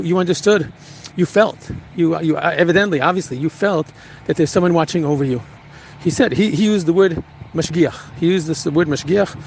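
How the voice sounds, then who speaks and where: A rabbi recounting a personal story in an earnest, halting way, with frequent restarts. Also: male voice, fairly high pitch, a little mellow, a little hiss or hum, rough recording.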